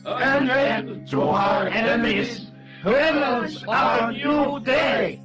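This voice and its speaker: Actors voicing hooded cultists in a video game, intoning a ritual chant very slowly. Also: male voice, very high-pitched, loud music behind the voice, full character voice. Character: chanting hooded cult voices.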